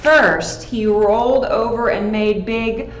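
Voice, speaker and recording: A woman librarian reading a picture book aloud to children, animated and asking them questions along the way. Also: fairly high pitch, slow. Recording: echoey, dull, faint background hiss.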